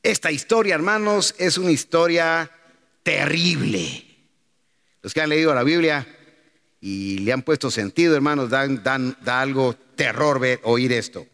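Preaching man, booming hall echo. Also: normal speed, a bit bright. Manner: preaching with rising, emphatic calls and rhetorical questions. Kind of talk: sermon. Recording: long hall reverb.

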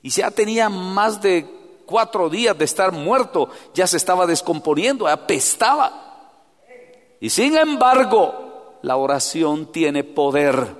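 Fervent preacher in a reverberant hall. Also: male voice, on the high side, lively intonation, a little slow. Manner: swings from soft, near-whispered asides to loud fervent exhortation; addresses listeners directly as brother. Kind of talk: sermon.

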